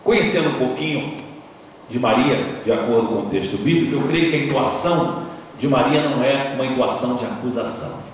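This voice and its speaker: Pastor preaching in a booming hall. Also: male voice, a little fast, a little hiss or hum. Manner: storytelling, dramatic, retelling a scripture. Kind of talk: sermon. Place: church sanctuary. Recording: echoey church hall, distant mic.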